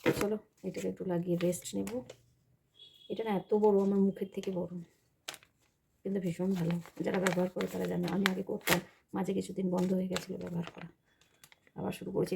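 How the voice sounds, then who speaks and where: A woman's voice: medium pitch, flat delivery, fast, gravelly, background noise. A woman chatting casually in a home vlog, explaining things as she shows them around her house. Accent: Bengali. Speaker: vlogger.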